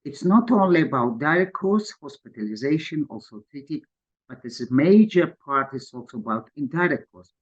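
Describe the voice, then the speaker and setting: A man from Georgia delivers a webinar talk as an endocrinologist. His English is halting, with frequent pauses and fillers. The audio is a little dull, like a video call. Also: medium pitch. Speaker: conference speaker, endocrinologist. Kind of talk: webinar presentation.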